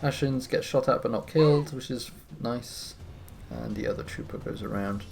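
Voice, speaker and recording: A man giving relaxed, wry commentary on his gameplay, sounding a bit tired. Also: medium pitch, brisk, vocal fry, noisy background. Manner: relaxed, wry, thinking aloud. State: tired, yawning. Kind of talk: casual let's-play commentary. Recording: music playing behind.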